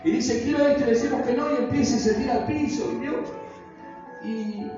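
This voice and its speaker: A man's voice: very high voice, fairly quick. A man preaching a sermon as pastor, firing rhetorical questions and acting out the voices he quotes. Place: church meeting room. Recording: echoey church hall, distant mic, dull sound, faint music.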